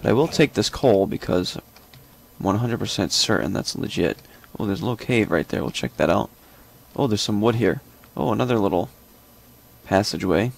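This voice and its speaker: A man's voice: lowish voice, lively intonation, normal speed, creaky, slightly rough. A young man casually commenting as he plays a video game, thinking aloud with lots of fillers and small joking asides. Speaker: gameplay commentator. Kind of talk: casual let's-play commentary.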